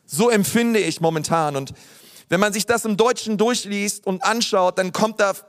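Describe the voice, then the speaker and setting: High-voiced man preaching in a hall. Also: normal speed, a bit bright. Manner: passionate, rises in pitch when voicing heartfelt prayers; colloquial youth-pastor wording. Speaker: pastor. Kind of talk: sermon. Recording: long hall reverb.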